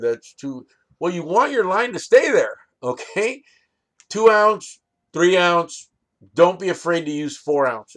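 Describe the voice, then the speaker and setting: Pitched fairly high and a bit bright, an American man hosts a fishing channel and casually demonstrates his rigs. His talk wanders with fillers and restarts, and he often checks in with "right?"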